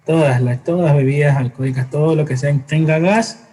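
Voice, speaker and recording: A man teaching a science class, explaining patiently with everyday examples, often pausing to hesitate and correct himself. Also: on the high side, dark tone, poor audio. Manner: frequent hesitations and self-corrections. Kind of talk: classroom lecture.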